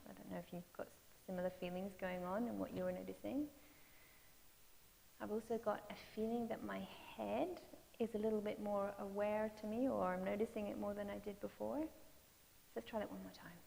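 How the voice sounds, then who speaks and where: A woman gently leading parents through mindfulness and movement exercises, giving soft cues to breathe. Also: medium pitch, steady tone, normal speed, gravelly. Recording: long reverb with faint hiss.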